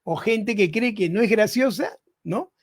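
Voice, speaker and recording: A man's voice: high-pitched, animated, a little slow. A man in his sixties, a physician giving a lecture-style podcast talk, often turning to his listeners with rhetorical questions. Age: 60s. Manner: rhetorical, keeps asking listeners "¿no?".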